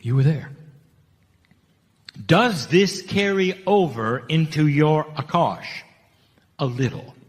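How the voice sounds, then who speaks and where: Male spiritual channeler, slightly high voice, emphatic and repetitive, recorded with long hall reverb. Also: slow pace, long pauses. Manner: emphatic, rhetorical questions, repeats key phrases. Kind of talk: channeled spiritual talk to an audience.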